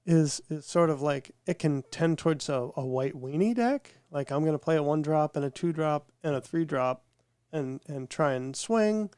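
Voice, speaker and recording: A man's voice: a little high, lively intonation, moderate pace, a little mellow, clear, resonant tone, dry recording. A man co-hosting a podcast, talking casually and rambling, his voice nasal from a cold. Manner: rambling, repeats words as he thinks. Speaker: podcast co-host. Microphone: podcast microphone with headphones.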